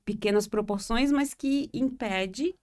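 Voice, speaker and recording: In a slightly high, slightly mellow voice, the woman talks slowly and reflectively, hesitating often and filling pauses. She's a therapist from Florianópolis, Brazil, with the local Portuguese accent, co-hosting a podcast in a small room with three people.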